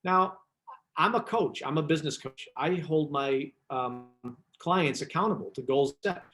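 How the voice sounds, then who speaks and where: A man's voice: a little high, measured pace, a bit bright. A man who works as a business coach, telling chatty anecdotes and often drifting off track mid-sentence. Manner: chatty, rambling, self-interrupting. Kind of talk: casual talk, telling anecdotes.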